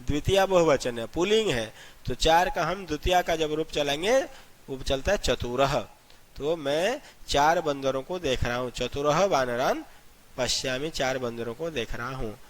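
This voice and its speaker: A man's voice: on the high side, animated, normal speed. A man teaching a grammar lesson to school students, explaining step by step and reciting long lists of number words. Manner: addresses students as children. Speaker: Sanskrit teacher. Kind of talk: classroom-style grammar lesson.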